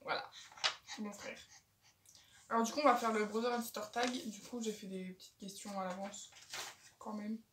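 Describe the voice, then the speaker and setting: A woman's voice: mid-range voice, fairly even intonation, normal speed, pauses often, background noise. A seventeen-year-old girl hosting a casual video chat at home, bossy and chatty with her little brother. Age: teens. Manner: chatty, bossy big sister. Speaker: youtuber. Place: home, indoors. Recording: echoey room, voice from a distance.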